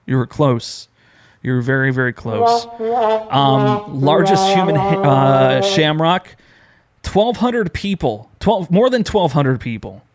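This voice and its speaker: Chatty upstate New York podcast co-host. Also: male voice, a little high, slow. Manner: animated storyteller, rambling with restarts. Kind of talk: casual chat.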